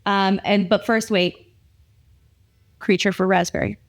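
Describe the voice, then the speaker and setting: A woman co-hosting a drink tasting, chatting in a casual, rambling, jokey way with animated reactions. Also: mid-range voice, a little slow. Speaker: host of a drink taste test. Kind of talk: casual unscripted banter while tasting drinks.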